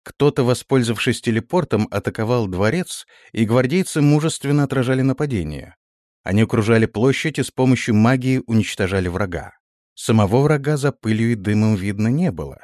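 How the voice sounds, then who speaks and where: A man narrating a fantasy story in a steady storytelling manner, voicing the characters. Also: medium pitch, fairly quick, no room sound, studio quality. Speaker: audiobook narrator.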